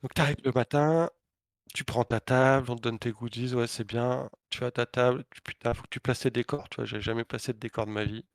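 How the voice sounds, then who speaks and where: Lively man telling a crude anecdote. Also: medium pitch, fast, few pauses, no echo, clean studio sound. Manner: animated, crude slang and swearing; frequent filler hesitations. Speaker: podcast co-host and competitive player. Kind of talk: casual storytelling chat.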